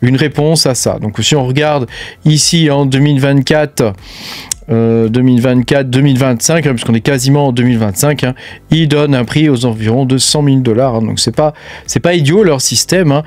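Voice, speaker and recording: The host of a crypto channel, a man with a darkish mid-range voice, speaks at normal speed with no echo. He's casually guiding the viewer through a screen share, talking like a friend, and nearly every phrase carries an "euh" or "hein."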